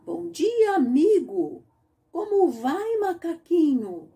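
Woman storyteller as a tiny eager duckling boy; very high, soft and mellow, pleading. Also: sing-song, slow pace, full character voice. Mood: friendly.

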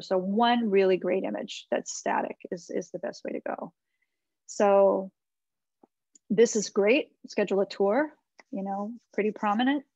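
A medium-pitched, creaky voice with a darkish tone belongs to a middle-aged American woman working as a website marketing consultant. Presenting a webinar from a small room with bookshelves, she critiques a website informally and encouragingly, thinking aloud as if in conversation. Her computer mic on the video call picks up no room sound, and the audio is slightly dull.

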